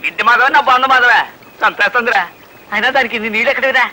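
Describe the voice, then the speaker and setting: A miserly householder grumbles in exasperation. His voice is very high and piercingly bright, with a Telugu accent. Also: rapid-fire, full character voice. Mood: exasperated. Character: miserly householder fretting over wasted water.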